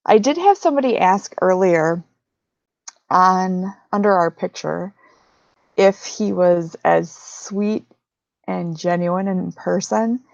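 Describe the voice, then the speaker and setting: Slow gravelly lady reading out chat comments, dull dry lo-fi sound. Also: lowish voice, a little mellow, no echo. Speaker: livestream co-host. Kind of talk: casual livestream Q&A.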